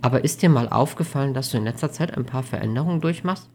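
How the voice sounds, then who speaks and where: A caring woman in her thirties, read by an audiobook narrator, speaking in a soft, soothing tone. She is calm and steady, and her voice stays gentle throughout. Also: medium pitch, fast, slight background noise, lightly acted. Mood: tender. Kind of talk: audiobook reading.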